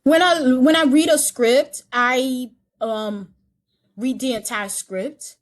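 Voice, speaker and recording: A woman's voice: high-pitched, slow pace. A woman casting director chatting in an interview, repeating and restarting her phrases as she talks. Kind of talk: casual interview chat.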